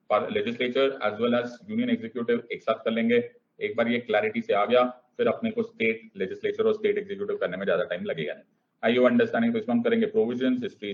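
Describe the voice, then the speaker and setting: A male teacher giving a classroom lecture in a mix of Hindi and English. He repeats key phrases, counts out loud and keeps checking whether the students follow. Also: fairly low pitch. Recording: dull lo-fi recording.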